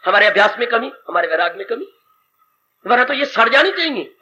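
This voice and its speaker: A man preaching an animated devotional sermon, sighing and exclaiming as he teaches, on a dull old tape recording. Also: extremely high pitch, brisk, a little hiss or hum. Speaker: spiritual teacher.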